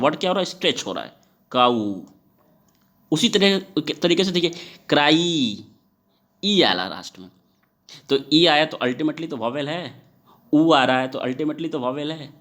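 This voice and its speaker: Man, teacher, animated intonation, quizzes students, drawn-out words for emphasis. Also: on the high side. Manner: questions the class often and stretches words to stress sounds. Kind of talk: classroom lesson explaining to students.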